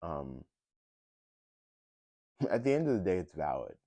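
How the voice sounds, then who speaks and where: A man's voice: low voice, very animated, a little slow, warm tone, no room sound. A young man talking in a casual personal vlog, hesitant, with many fillers and restarts. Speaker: vlogger.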